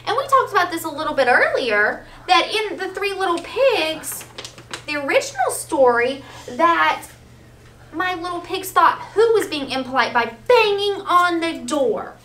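In a school classroom, a woman teacher with a bright, high voice leads a read-aloud lesson for little ones sitting on the floor, lively and often pausing to ask them questions. Captured by a distant camera, the audio is roomy and far off, with faint classroom noise.

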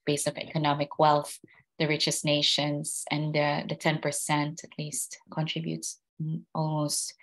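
A woman's voice: low-pitched, creaky, poor audio. A woman presenting slides over a video call from a small room, talking with many fillers and restarts. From Philippines. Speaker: guest speaker. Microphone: laptop mic on video call.

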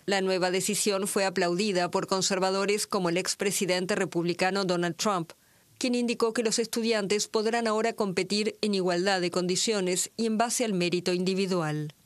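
A man reading a scripted news report as voice-over, in a steady, formal delivery. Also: sits high, moderate pace, no echo. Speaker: news narrator.

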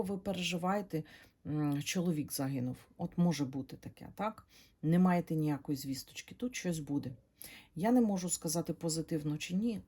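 A woman giving a tarot reading to her viewers, speaking in a gentle, halting way and calling them her dears. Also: low voice, breathy edge. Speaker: tarot reader.

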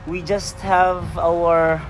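A man's voice: high voice, little pitch movement, drawn-out words, slight background noise. A young Filipino man with a Filipino accent, casually vlogging to viewers on a road trip, filming himself with a phone at arm's length. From Philippines. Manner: chatty, upbeat, addresses viewers directly. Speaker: travel vlogger. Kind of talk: casual travel vlog, mixing English and Filipino. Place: picnic at a roadside rest area, outdoors. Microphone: phone camera held at arm's length.

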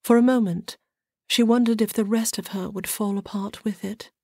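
A woman narrating a historical fantasy audiobook in a measured, softly dramatic reading. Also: mid-range voice, fairly even intonation, gravelly, dry recording.

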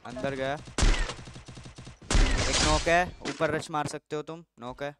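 A young man with a raised, excitable voice calls out commands to his squad while streaming a shooter game live. Loud gunfire and game effects pound behind him throughout. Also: a little high, measured pace, very noisy. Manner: shouting orders and cursing at teammates. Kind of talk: excited live gameplay chat. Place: at a PC with game sounds.

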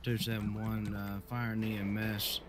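A man's voice: on the low side, little pitch movement, normal speed. A man playing a police officer in a roleplay game, making urgent call-outs with radio codes and unit numbers over in-game police radio. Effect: heard over in-game police radio.

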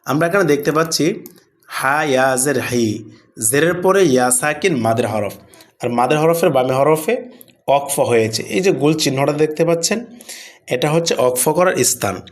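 A man teaching Quran recitation rules, stretching out words slowly as he recites, then explaining the rules and answering his own questions. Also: a little high, lively intonation. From Bangladesh. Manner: asks questions and answers them himself. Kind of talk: Quran lesson with slow drawn-out recitation and explanation.

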